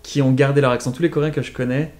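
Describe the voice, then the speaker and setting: A man's voice: mid-range voice, steady tone, racing, a little mellow. Man, patient explainer, casual lesson pace, demonstrates sounds. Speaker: accent teacher.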